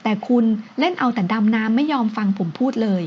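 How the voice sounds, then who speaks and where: A woman's voice: fairly high pitch, a little fast, breathy edge, lo-fi sound. A woman doing a sly, teasing young husband. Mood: teasing, coaxing. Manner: coaxing, teasing.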